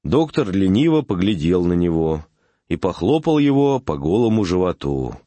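A man narrating a classic short story in a measured, expressive reading. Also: low-pitched, dry recording.

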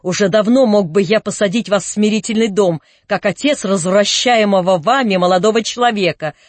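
A silky, scheming middle-aged nobleman, voiced by a male narrator flatters at length with polished phrases. His voice sits fairly high and sounds close and dry. Courtesy masks contempt. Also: moderate pace, dry recording. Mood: sneering. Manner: smooth, ingratiating, then sneering.

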